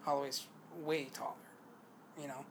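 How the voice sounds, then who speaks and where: A man's voice: medium pitch, little pitch movement, moderate pace, background noise. A man co-hosting a podcast, talking in a rambling, hesitant way with many fillers. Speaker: podcast co-host. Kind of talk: casual sports chat.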